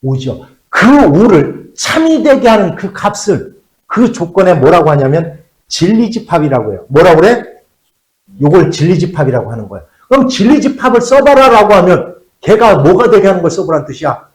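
A man teaching a math class, posing questions to students and answering them himself, stretching key phrases out slowly. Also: high voice, sing-song, reverberant.

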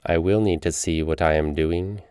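A man reading the part of an aloof, ageless female witch, speaking slowly and tersely. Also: sits low, fairly even intonation, darkish tone, smooth, dry recording, studio quality, lightly acted. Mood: cold, curt.

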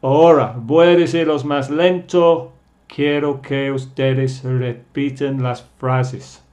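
A man teaching a beginners' English lesson, speaking slowly and carefully and repeating each phrase so learners can copy it. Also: mid-range voice, fairly even intonation, a little mellow. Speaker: language teacher.

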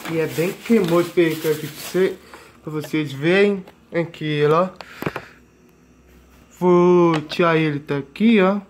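Plastic bags crinkle as a Brazilian-accented guy in his late teens chats through a grocery haul vlog in his kitchen. His voice is a little high and slightly slow, with long pauses, and he's repetitive, tagging the items he points out with fillers.

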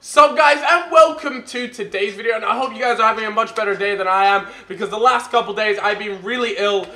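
A young man giving excited, casual gameplay commentary with animated, jokey banter and exclamations. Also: high voice, brisk. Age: young adult. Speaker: gaming video host. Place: bedroom, indoors. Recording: echoey room, music behind. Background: music.

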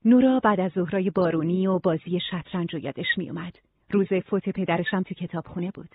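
Husky audiobook narrator, tinny sound. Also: mid-range voice, no echo. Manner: even, steady storytelling. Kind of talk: scripted narration.

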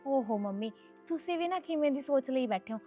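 An actress playing a patient young daughter-in-law who talks gently and reasonably, with a Punjabi accent. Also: female voice, sits high, expressive, fairly quick, dull audio, faint music behind. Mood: reasoning.

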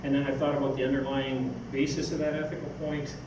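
An older man, a science fiction writer, gives a rambling, anecdotal talk on stage in an event hall, fielding audience questions in a mid-range voice with a level tone and quick pace. A far camera microphone captures it, so the hall sounds echoey, distant and noisy.

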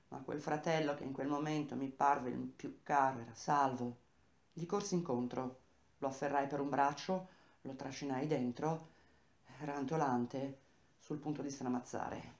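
A woman with a low voice reading a novel aloud in first person, intense and emphatic, slowing down on key words. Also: a little mellow. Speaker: reader of a novel. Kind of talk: dramatic literary reading. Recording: echoey room.

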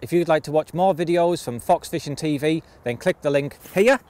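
A man's voice: on the high side, moderate pace, a little mellow, a little hiss or hum. A man giving a short channel outro outdoors, speaking directly to viewers. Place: outdoors among trees.

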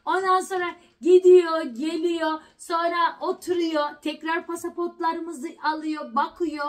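A middle-aged woman with a high voice tells a story to her vlog audience. She talks casually and with animation, and she repeats words to press a point home. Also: fairly even intonation, unhurried. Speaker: family vlogger.

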